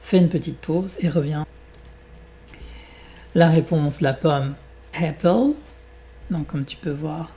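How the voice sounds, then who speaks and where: This male French teacher, speaking with a French accent, reads a fairy tale and then carefully walks students through exercises at an unhurried pace. The pitch sits fairly high and the tone is warm.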